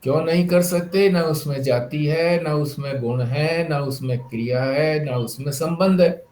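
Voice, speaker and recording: A man's voice: fairly high pitch, a little mellow, roomy sound, slight background noise. A man teaching a spiritual discourse, explaining step by step with rhetorical questions. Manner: explanatory, rhetorical questions, slow deliberate phrasing.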